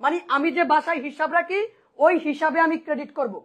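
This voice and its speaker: A woman's voice: high voice, fairly even intonation, fast, dull audio. A woman teaching an online accounting class, asking and answering her own questions and repeating key points, often checking whether students follow.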